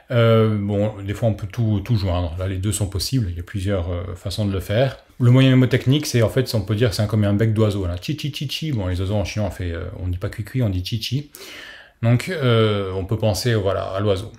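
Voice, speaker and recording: Guy teaching a recorded language class, lowish voice, patient, says the words slowly so you can repeat. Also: a little mellow. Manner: explains patiently, models pronunciation for repetition. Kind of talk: recorded video lesson.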